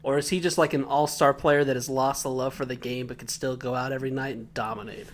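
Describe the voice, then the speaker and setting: A man's voice: mid-range voice, fairly even intonation, quick pace. A man co-hosting a podcast, recapping an episode from his notes in a casual, joking way and laughing often. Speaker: podcast co-host.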